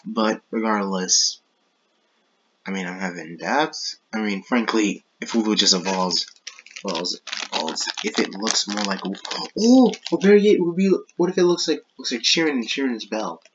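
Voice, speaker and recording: Casual male gaming vlogger, slightly low and husky, self-interrupting, apologetic, muffled home-mic sound. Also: lively intonation, moderate pace, background noise. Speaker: YouTube gaming channel host. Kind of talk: casual rambling commentary.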